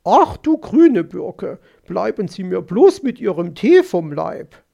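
A man voicing a haughty, quarrelsome female magpie in an audiobook, shrill and snappish. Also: big pitch swings, slow, gravelly, dark tone, husky, muffled recording, exaggerated voice. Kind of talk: audiobook character voice.

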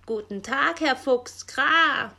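A woman voicing a stern, bossy male raven official in a children's story, gruff and commanding, squawking "Kra" between sentences. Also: high voice, takes it slowly, sharp tone, pitched above the performer's own voice, heavily acted.

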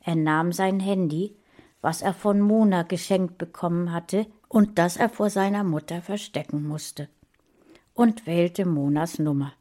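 A woman reading a fantasy story aloud in a calm, even way. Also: fairly low pitch, measured pace. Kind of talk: audiobook narration.

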